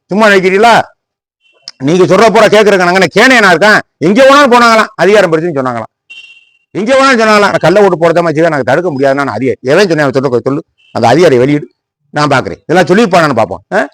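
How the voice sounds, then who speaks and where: A rapid-fire man with a Tamil Nadu Tamil accent, ranting through a political commentary in a sarcastic, scolding tone. His voice sits somewhat high for a man. The sound is close and dry, with no room echo. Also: a bit bright. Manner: scolding and sarcastic, full of rhetorical questions. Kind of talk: heated political commentary monologue.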